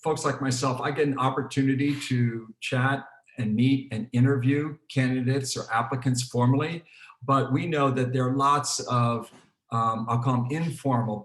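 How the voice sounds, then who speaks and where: A man, a program director, hosts an online student panel in a relaxed way, with many fillers and restarts. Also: medium pitch. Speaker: program director hosting a webinar. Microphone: video call. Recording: roomy, echoey video call.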